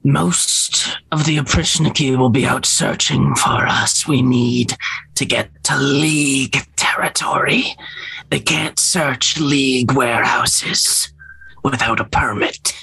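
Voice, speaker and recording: A woman voicing a terse, commanding old-hag-like rebel in a raspy, half-whispered croak for a tabletop game. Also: very deep voice, slow pace, pushed and bright, exaggerated voice, low-quality recording. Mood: grave, urgent. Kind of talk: acted tabletop role-play.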